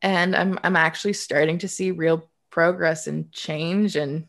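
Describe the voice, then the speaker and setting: A Canadian woman of about thirty speaks as an interview guest, frank and reflective. She loops back to restart her thoughts and slips in a dry sarcastic aside. Her voice sits a bit low with a lot of vocal fry. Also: fairly even intonation, unhurried. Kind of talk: candid conversational storytelling.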